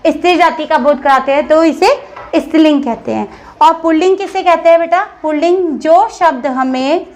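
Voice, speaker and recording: High-voiced woman teaching children grammar. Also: normal speed, darkish tone, low-quality recording. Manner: patient, asks and answers own questions. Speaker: school teacher.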